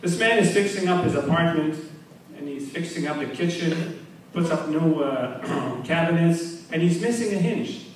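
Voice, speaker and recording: A man rattles off one joke after another at an open mic night and jumps up in pitch for each punchline. He sits far from the mic in a very echoey small club. A faint hiss runs under his voice. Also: moderate pace. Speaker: stand-up comedian.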